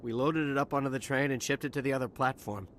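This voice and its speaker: An actor playing a nervous dockworker who stammers and sounds shaken after an attack. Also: male voice, medium pitch, fairly even intonation, quick pace, a bit bright, a little hiss or hum, natural voice. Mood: frightened. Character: nervous male dockworker, frightened survivor. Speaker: game character. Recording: game audio with music behind.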